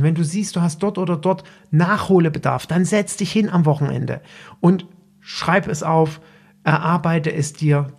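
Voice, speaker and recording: A man's voice: a little high, creaky, darkish tone, breathy edge. A man hosting a solo coaching podcast, giving direct, instructive advice straight to the listener in a loose, unscripted way. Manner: loose, with fillers and restarts. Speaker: business coach and podcast host.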